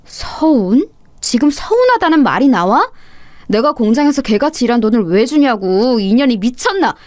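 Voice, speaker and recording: A cold, bullying middle-aged husband who snaps out short commands, read by a woman narrator. The audiobook voice stays fairly high and is recorded close and dry, with no room echo. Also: sing-song, normal speed, a little mellow. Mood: angry. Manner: curt, commanding.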